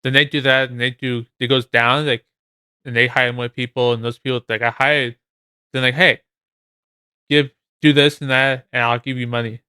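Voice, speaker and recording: Bright, crisp-voiced man reacting bluntly. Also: mid-range voice, flat delivery, normal speed, no echo. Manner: blunt, skeptical, repeats phrases. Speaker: reaction video host. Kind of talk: casual off-the-cuff commentary.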